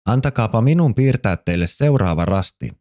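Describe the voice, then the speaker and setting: A man's voice: lowish voice, lively intonation, warm tone, close to an everyday voice. A man voicing a kind, friendly mother fox in a children's storybook who quizzes the young heroes. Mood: kindly.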